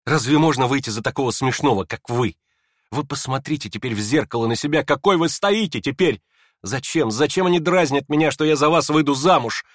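A man's voice: a little fast, no echo, studio quality, close to an everyday voice. Man voicing a furious proud young woman. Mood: hysterical. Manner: shrill indignant outbursts.

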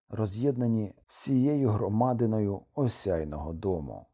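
A man narrating a literary audiobook in an even, measured storytelling manner. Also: fairly low pitch, husky.

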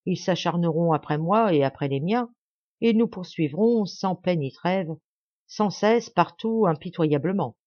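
A woman reading a bitter, vengeful young man with a grave, measured, menacing delivery. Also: lowish voice, lively intonation, mellow, dry recording. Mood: cold menace. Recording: dull dry lo-fi audio.

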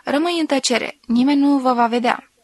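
A woman voicing a sensual woman who slowly and softly reads out an intimate love letter. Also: sits high, no echo. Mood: intimate, tender. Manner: slow, soft, intimate reading.

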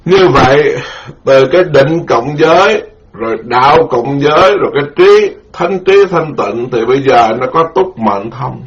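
A middle-aged man, a Buddhist monk giving a dharma lecture, speaking slowly and repeating key terms for his listeners. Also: medium pitch, lively intonation. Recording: dull lo-fi recording.

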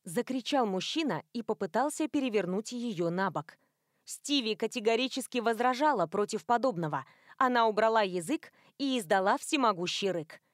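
A woman narrating a novel in an expressive, lively reading. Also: a little high, moderate pace, dry recording, studio quality. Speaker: audiobook narrator. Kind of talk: scripted narration.

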